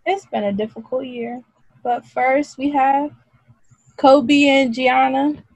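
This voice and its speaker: A woman's voice: sits high, fairly even intonation, takes it slowly, darkish tone, no echo, low-quality recording. A woman in her twenties co-hosting a podcast, steering the conversation with questions. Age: 20s. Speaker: podcast co-host leading the topics. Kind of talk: casual podcast chat.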